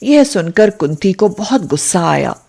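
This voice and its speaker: A woman narrating a scripted cartoon story in a steady, plain manner. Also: fairly low pitch, unhurried, creaky.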